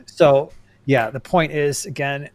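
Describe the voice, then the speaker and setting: A man co-hosting a casual aquarium podcast, talking in an animated way and acting out little jokes. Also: a little high, slow, no echo. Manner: animated, laughs and acts out quips. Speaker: podcast co-host.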